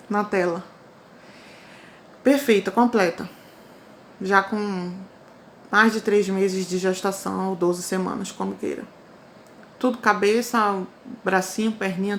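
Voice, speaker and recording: A woman with a Brazilian Portuguese accent telling her own life story in a casual, animated way, often repeating phrases for emphasis. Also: mid-range voice, creaky, a little hiss or hum. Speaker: testimony storyteller.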